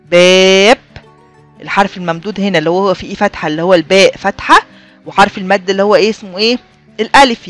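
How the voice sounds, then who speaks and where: A woman with an Egyptian Arabic accent teaching a children's reading lesson, repeating key points and slowly drawing out example words. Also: mid-range voice, fairly bright tone. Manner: drawn-out sounding of example words; repeats and addresses learners as friends.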